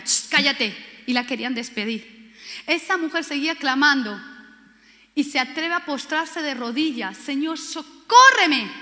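A woman preaches with fervent passion, stacking repeated words for emphasis and slipping into the voices of the people in her stories. Her voice sits high and sounds bright. It carries a long reverb, as if it were filling a big hall. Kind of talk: sermon.

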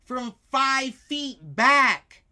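An American woman in a heated, casual sports debate, speaking emphatically with slang, swearing and quick interjections. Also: high-pitched, steady tone, sharp tone, clear, resonant tone.

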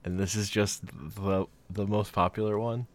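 A man co-hosting a casual chat about films, talking animatedly and jumping into excited mock voices. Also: fairly low pitch, moderate pace. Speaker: podcast co-host.

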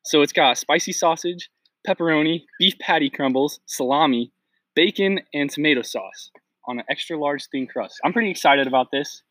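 A man's voice: a little high, moderate pace, a bit bright, no room sound. A man co-hosting a casual podcast, easygoing and blunt in his opinions, laughing often. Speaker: podcast co-host. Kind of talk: casual chat.

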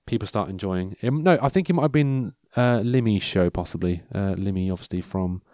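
On the low side and a little fast, this man's voice has a darkish tone on a dry recording. He's in his mid-thirties, rambling casually, breaking into his own thoughts, losing the thread, and drily making fun of himself.

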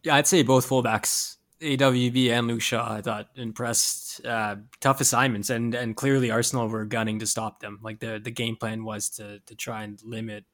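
An easygoing man on a football podcast, speaking at a middle pitch in loose, slangy conversation. He agrees readily and talks his views out casually. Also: little pitch movement, normal speed, hardly any pauses, fairly bright tone. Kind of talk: casual sports chat.

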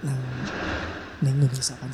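A man's voice: mid-range voice, monotone, normal speed. A man from Sidoarjo with an East Javanese accent, trading playful jokes in casual banter. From Sidoarjo, East Java. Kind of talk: joking banter among train passengers. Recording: loud background noise.

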